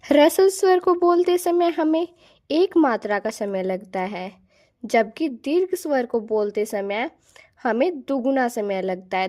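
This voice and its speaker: A woman's voice: fairly high pitch, darkish tone. Woman explaining Hindi grammar patiently. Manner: patient, repeats and restates points; sounds out letters slowly as examples. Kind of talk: explanatory online lesson.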